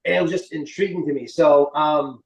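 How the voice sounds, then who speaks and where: A man's voice: a little high, fairly even intonation, fairly quick, vocal fry, highs cut off. Casual man in his forties, roomy sound. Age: late 40s. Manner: rambling, informal. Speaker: interview guest, indie film writer and director. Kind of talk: casual interview chat. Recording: roomy echo, slightly distant mic.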